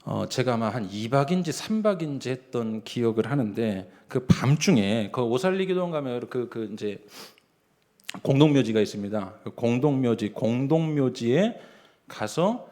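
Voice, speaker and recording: A middle-aged male pastor delivers a Sunday sermon in a church sanctuary. He tells stories in a low, hushed voice, then builds to loud, emphatic calls. His voice sits at an ordinary middle pitch. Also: lively intonation, normal speed. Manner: storytelling, swings from hushed to emphatic preaching. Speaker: senior pastor.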